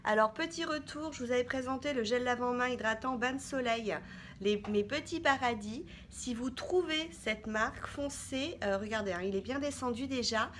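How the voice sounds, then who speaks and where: High-voiced chatty woman vlogger. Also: normal speed, fairly bright tone, a little hiss or hum. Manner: chatty, hesitant with frequent fillers. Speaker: beauty vlogger. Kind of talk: casual haul vlog chat.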